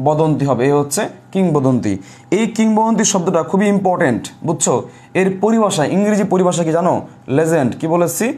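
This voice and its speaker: A man's voice: fairly high pitch, warm tone. A man teaching a grammar lesson to students, asking questions and repeating the answers so they can be written down. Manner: self-correcting, thinks aloud. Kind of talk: online class lecture.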